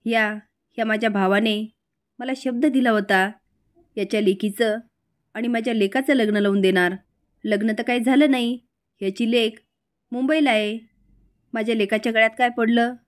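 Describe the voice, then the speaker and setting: A woman's voice: a little high, steady tone, moderate pace, natural voice. A woman reading an angry accusing village mother. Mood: scolding. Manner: accusing, scolding.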